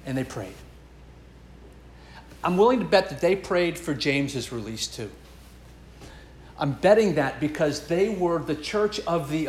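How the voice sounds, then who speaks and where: A man's voice: fairly high pitch, reverberant, slight background noise. A man preaching a sermon as pastor, earnest and emphatic, building and dropping his intensity.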